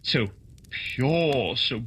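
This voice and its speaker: Radio play sidekick: male actor as earnest doctor, a bit dim, husky and lively. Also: mid-range voice, extremely slow, heavily acted. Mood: wondering.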